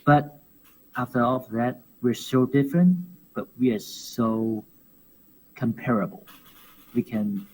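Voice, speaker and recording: In a lively, casual interview, a Hong Kong man who wrestles professionally talks in a mid-range voice. He gets animated, laughs often, and repeats himself while reaching for words. There's a bit of background noise and the sound quality is poor.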